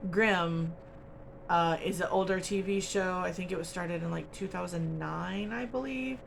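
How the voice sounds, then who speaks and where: A woman's voice: lowish voice, a little slow, vocal fry, slight background noise. A woman chatting casually to camera as host of a crochet channel, rambling along with lots of ums and little laughs, from home. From United States.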